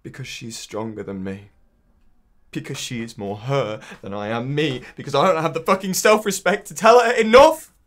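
An actor playing a bitter, self-loathing man in a film monologue, speaking haltingly and searchingly, swearing and repeating his words. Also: fairly low pitch, lightly acted. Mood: anguished. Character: troubled, despairing man named Matthew, bitter and self-loathing.

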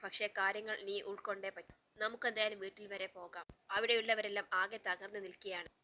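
A woman's voice: mid-range voice, flat delivery, fast talker, pushed and bright, slight background noise, natural voice. A woman voicing an anxious young husband who earnestly explains a hidden truth.

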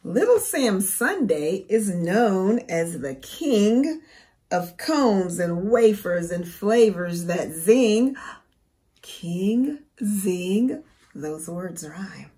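A woman in her forties reading a storybook aloud to young children as a teacher, expressive and careful. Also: medium pitch, slow. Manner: expressive, careful, asks the listener questions.

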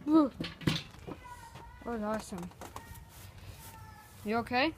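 A woman's voice: fairly high pitch, animated, slow, very noisy. A young girl talking casually through a cooking vlog, rambling and making it up as she goes, filmed on a handheld phone at home. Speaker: vlogger. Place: home kitchen and backyard. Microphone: handheld phone camera.

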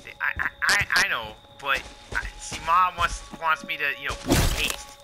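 A man's voice: a little high, normal speed, natural voice, low-quality recording. A man putting on a Canadian accent to play a masked slasher as a chatty, rambling hoser, stammering and tagging lines with "eh". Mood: folksy. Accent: put-on Canadian. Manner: rambling, stammering folksy patter ending lines with "eh". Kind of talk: comic role-play over gameplay. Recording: loud game music and sounds behind.

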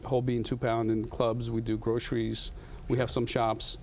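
At a normal speed, the man's mid-range voice stays level, with a darkish tone and slight background noise behind it. He is a guest on a TV studio interview, a coffee company founder from Latin America in his thirties, speaking earnestly into a lapel mic with frequent restarts.

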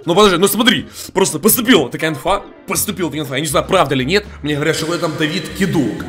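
Дразнящий молодой парень-стример. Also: male voice, a little high, racing, soft background music. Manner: mocking, playful, loud exclamations. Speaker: game streamer. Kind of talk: teasing prank call while playing. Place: home streaming room. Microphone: headset.

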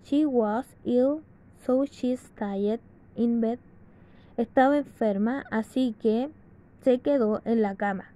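A woman reading an English grammar lesson aloud from a textbook, slowly and carefully with pauses. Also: a little high, dark tone. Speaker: English teacher. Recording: dull lo-fi sound.

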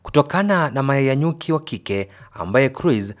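A man's voice: mid-range voice, animated, normal speed. A man with a Kenyan accent reading scripted news feature narration in Swahili.

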